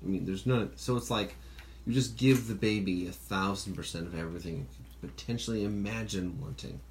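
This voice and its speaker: A man's voice: on the low side, fairly quick. A man hosting a podcast in casual chat, rambling and swearing freely as he acts out quoted voices. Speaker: podcast host. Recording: faint background noise, birds outside.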